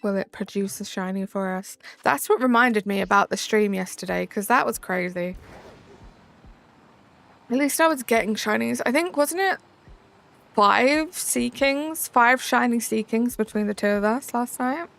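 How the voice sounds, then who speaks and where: Reading out viewer comments on a casual live stream, a young Southern English woman answers questions in a chatty way, leaning on "um" and "like." She speaks at a measured pace in a fairly high, creaky voice with a fairly bright tone.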